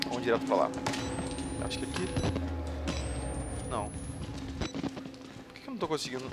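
A man's voice: medium pitch, very animated, moderate pace. A man from Brazil commentating a horror game, nervous and jumpy, swearing and making nervous jokes. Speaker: gameplay streamer. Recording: game music underneath.

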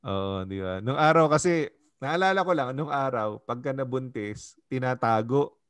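A man's voice: medium pitch, animated, normal speed, fairly bright tone, clean tone, no echo. A Filipino man, a pastor, leads a Bible study in a conversational way, mixing in English and asking "di ba?" often. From Philippines.

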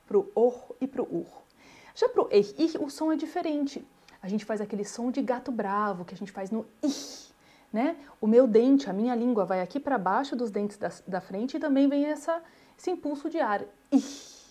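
Woman, language teacher, mellow fairly high voice, repeats example words. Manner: models words slowly, repeats them. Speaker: German teacher. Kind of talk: pronunciation lesson.

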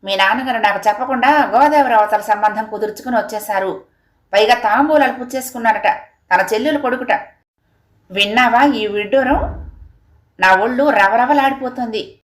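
A woman's voice: fairly high pitch, moderate pace, roomy sound, lightly acted. Anguished mother feeling unheard at home, read by a woman narrator. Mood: indignant. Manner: anguished, indignant. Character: distressed middle-aged mother, wounded and bitter. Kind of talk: audiobook character reading.

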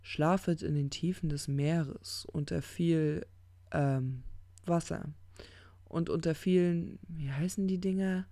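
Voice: medium pitch, steady tone, takes it slowly, dark tone, no room sound, clean studio sound. A reader voicing a drunk, earnest male angel in an audiobook, who slurs and gropes for words. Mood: musing. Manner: slurred, searching for words. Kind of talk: audiobook character reading.

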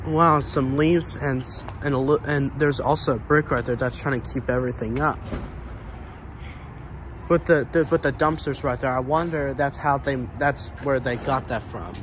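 The audio is poor in this outdoor handheld recording, made with a camera or phone, where clear ambient noise surrounds an American vlogger touring abandoned buildings. His mid-range voice is steady and fairly bright at a moderate pace. He rambles and repeats himself while strolling around a building and parking lot.

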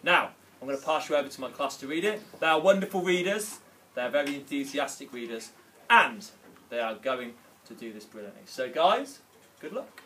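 A man's voice: mid-range voice, expressive, a little fast, pushed and bright, a little hiss or hum. A young adult man, a class teacher, enthusiastically introducing a story his pupils will read. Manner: enthusiastic, encouraging.

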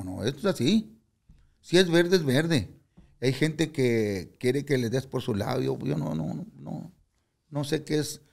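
A man's voice: medium pitch, vocal fry, a little mellow. An older man, a guest in an interview, telling stories bluntly and candidly, swearing freely and acting out what others said. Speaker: guest musician. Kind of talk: casual interview storytelling.

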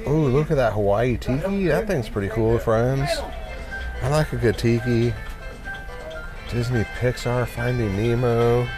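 A reseller with a mid-range, unhurried voice vlogs casually while browsing a flea market, music playing behind him. He's chatty and upbeat, talking to his viewers as "you guys" in this walkaround vlog.

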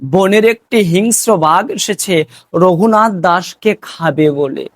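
A man with a high voice preaches a devotional story at an unhurried pace. He is emotional and repeats lines for emphasis. The sound is dry, with no room echo.

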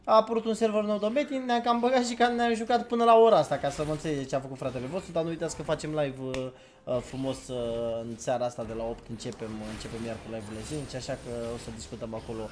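A man's voice: on the high side, level tone, a little hiss or hum. A man hosting a casual gaming chat, talking loosely with fillers and laughs. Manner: chatty, laughing, filler-heavy. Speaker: streamer host.

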